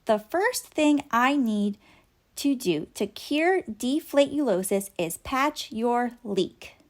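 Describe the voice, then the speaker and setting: A woman's voice: a little high, lively intonation, takes it slowly. A woman voicing a caring young girl who doctors toys in a storybook, reassuring and matter-of-fact as she explains.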